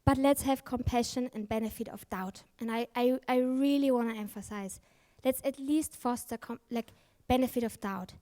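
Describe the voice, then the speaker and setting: Candid, emphatic woman speaker, somewhat high voice. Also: normal speed, hardly any pauses, dark tone. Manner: candid and emphatic, swears freely; frequent self-corrections and fillers. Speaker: conference speaker. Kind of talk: conference talk. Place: conference stage.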